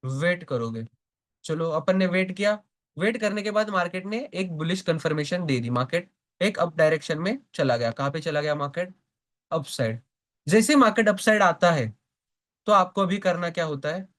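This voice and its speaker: A man with a high, fairly bright voice runs a live online stock trading class at normal speed. He keeps throwing questions at the class and answering them himself, often checking that they follow along.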